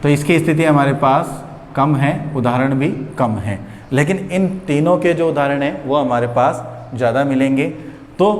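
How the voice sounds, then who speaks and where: Male teacher in an echoey room. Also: fairly high pitch. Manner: patient, repeats each rule slowly, asks questions and answers them himself. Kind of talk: exam-prep grammar lesson. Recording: echoey room with long reverb.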